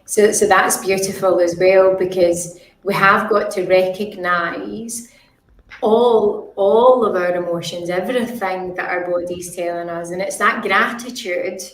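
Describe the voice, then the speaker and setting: A woman hosting an online interview, mid-pitched and thoughtful, often restarting as she gathers her thoughts. The room around her adds a noticeable echo. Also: steady tone, measured pace. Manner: reflective, searching for words with restarts. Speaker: host. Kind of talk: live-stream interview chat. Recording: roomy echo.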